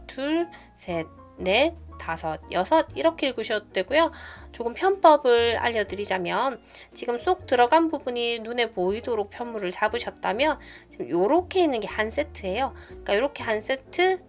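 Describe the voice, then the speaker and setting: A woman with a fairly high voice leads a step-by-step crochet lesson. She speaks patiently and gently, counting stitches out loud as she works. Soft music plays faintly behind her. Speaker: knitting tutorial host. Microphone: phone camera. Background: soft background music.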